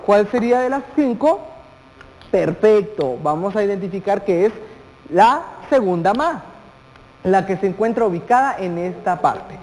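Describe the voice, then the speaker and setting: A teacher leads a televised lesson, turning to the students with questions and drawing out the words that matter. The voice sits at a mid pitch. It rings with a long reverb, as if recorded in a large hall. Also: a little mellow. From Guatemala. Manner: addresses students directly, asks questions, stretches key words.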